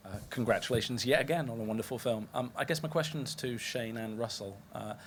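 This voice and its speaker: A man's voice: medium pitch, fairly quick, slight background noise. A male journalist asking a long, polite question at a press conference, hesitating with fillers.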